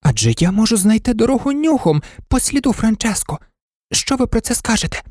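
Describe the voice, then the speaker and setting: Man doing a shy small toy pup, high and hesitant, dry close sound, storybook. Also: normal speed, a little mellow, no room sound. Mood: timid. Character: timid little male rag toy dog.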